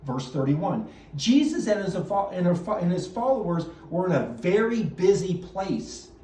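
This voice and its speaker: A man teaching a Bible lesson to children, telling it as a lively story and acting out the voices. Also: sits high, normal speed. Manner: animated storytelling, acts out voices. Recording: echoey room.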